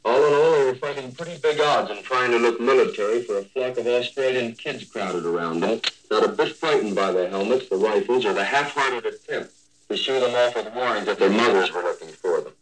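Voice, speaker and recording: Male war correspondent, 1940s radio news; even-pitched, measured scripted read. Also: slight background noise, poor audio. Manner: measured, descriptive reading from script.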